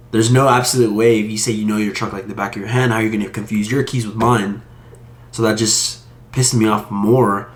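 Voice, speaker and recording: Male vlogger, aggrieved and heated, lowish voice, echoey room. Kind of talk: casual storytelling to camera.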